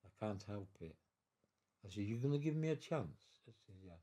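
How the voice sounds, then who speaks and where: Halting, emotional man in his nineties. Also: lowish voice, big pitch swings, warm tone. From England. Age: 90s. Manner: halting, repeats words and restarts; emotional, tearful at times. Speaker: war veteran interviewee. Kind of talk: personal storytelling interview. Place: living room of his own home.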